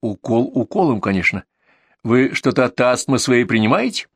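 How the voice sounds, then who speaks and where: A man's voice: medium pitch, sing-song, normal speed, slightly rough, no echo. A man playing a blunt, irritated male ambulance doctor who speaks curtly, recorded dry. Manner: curt, irritated.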